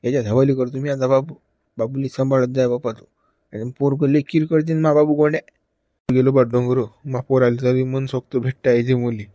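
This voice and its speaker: A man's voice: medium pitch, little pitch movement, brisk, dark tone, no echo, lo-fi sound. A man in comic village banter, lecturing and chiding with frequent "hm?" prompts. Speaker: cartoon character voice.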